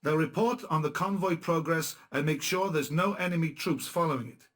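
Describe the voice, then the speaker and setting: Here a man with a slightly high, fairly bright voice that sounds close to everyday speech delivers cutscene lines at normal speed. He plays a resistance leader who briefs his men in a blunt, dry, sarcastic, matter-of-fact way.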